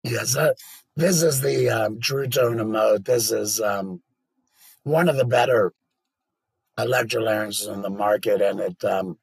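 Podcast guest: man with a low, husky voice, steady explainer, recorded dry and close. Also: no room sound, low-quality recording. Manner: measured, practical explaining with fillers.

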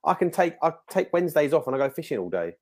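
A man's voice: a little high, sing-song, fast. A British man chatting casually in a blokey, plain-spoken, self-questioning way. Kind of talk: casual chat.

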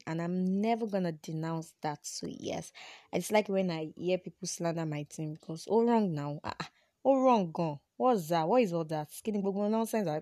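A woman's voice: fairly low pitch, mellow, dry recording, studio quality. A woman from Nigeria with a Yoruba accent, chatting casually and playfully as a solo podcast host, with informal Pidgin turns of phrase.

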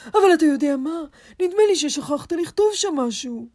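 A woman voicing a friendly, calm male lion who speaks in a soothing, chatty way. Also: high-pitched, dry recording, clean studio sound, voice pushed up. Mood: kindly.

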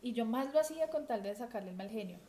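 A woman with a Colombian accent, co-hosting a casual podcast chat with quick, chatty asides. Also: a little high, lively intonation, dark tone, a little hiss or hum. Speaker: podcast co-host.

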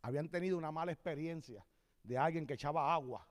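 A man preaching a sermon as a visiting preacher, telling stories lively, acting out the dialogue and building to shouted peaks. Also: on the high side, quick pace.

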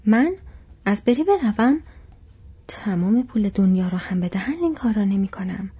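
A woman voicing a fat, fretful, easily frightened male innkeeper in a breathy whisper, as whispered role-play in a storybook reading. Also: mid-range voice, warm tone, lo-fi sound.

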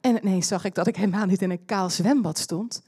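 A woman's voice: mid-range voice, brisk, dark tone, husky. A woman preacher giving a personal testimony sermon in a chatty storytelling way, slipping English phrases in among her words. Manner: chatty, laughing asides.

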